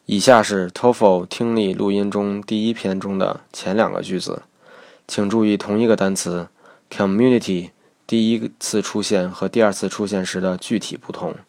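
A man with a very low voice narrates a recorded language lesson. He explains each point step by step in a measured, methodical way. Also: fairly even intonation, gravelly, darkish tone. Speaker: English pronunciation teacher.

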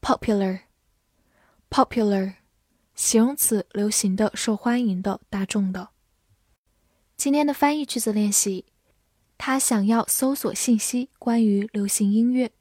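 A woman with a fairly high voice teaches vocabulary at an unhurried pace. She spells words out letter by letter and reads her example sentences slowly. The recording is dry and close, with no room sound. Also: mellow, dry recording. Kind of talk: scripted vocabulary lesson.

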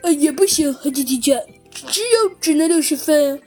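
A woman voicing a playful, scheming little chick child in a children's story, talking fast and pleading. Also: high-pitched, animated, a little mellow, soft background music. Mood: stubborn.

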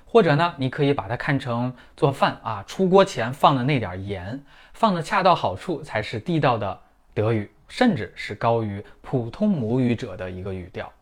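A middle-aged man, a native Chinese speaker, teaching German pronunciation in a clear, methodical lesson full of everyday comparisons. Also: mid-range voice, sing-song, moderate pace. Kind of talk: scripted lesson in Mandarin.

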